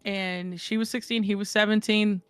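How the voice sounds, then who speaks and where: A woman's voice: mid-range voice, normal speed, clear, resonant tone, no room sound. A woman in casual conversation, speaking bluntly and swearing freely as she tells stories. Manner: candid, blunt, swears freely, animated storyteller. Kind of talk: casual chat.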